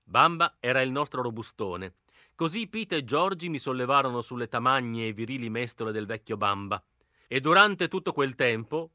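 Bright-voiced male audiobook narrator. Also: medium pitch, no room sound, clean studio sound. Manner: smooth storytelling full of invented slang. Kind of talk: novel narration in first person.

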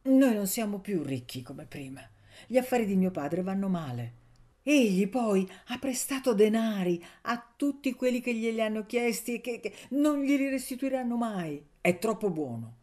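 A woman voicing a proud young rich woman who speaks briskly and firmly in an audiobook reading. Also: medium pitch, expressive, mellow, voice pushed up, close to an everyday voice. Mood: worried.

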